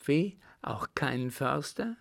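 An indignant, flustered count with a raised, incredulous way of questioning, as a man puts him on in a higher voice. He sounds slow and gravelly, as if reading from a storybook, with a dry, close sound. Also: lively intonation, a bit bright, no room sound, heavily acted.

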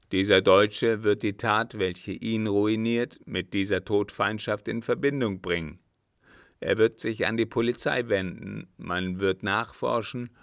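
A commanding, scheming captain with a loud, urgent and conspiratorial manner, voiced by a man. He is low and gravelly, with a dry, close sound, like a storybook reading. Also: no echo, exaggerated voice.

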